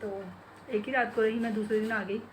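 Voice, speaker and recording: Fairly high-pitched and level in tone, this middle-aged woman speaks at a moderate pace over a little hiss or hum. She's a home vlogger in her bedroom and kitchen, talking casually to viewers and using baby talk with her pet bird.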